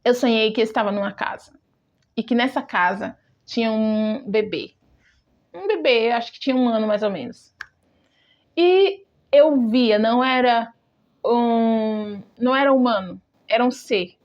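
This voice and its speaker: A Brazilian woman shares her faith testimony in a high, earnest voice. She keeps turning to the listener as she talks. The sound is dull and lo-fi. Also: measured pace. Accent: Brazilian Portuguese. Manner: heartfelt, talks straight to the listener. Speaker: devotional speaker. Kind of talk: personal testimony devotional. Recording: dull lo-fi recording.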